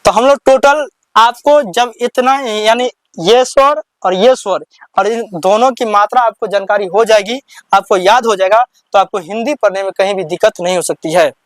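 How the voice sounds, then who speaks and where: A high-voiced man teaches the alphabet like a classroom lesson, asking "what will we read?" and answering it himself. The sound is close and completely dry, with no room echo. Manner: repeats questions back to students, counts slowly. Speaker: Hindi teacher. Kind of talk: slow classroom explanation.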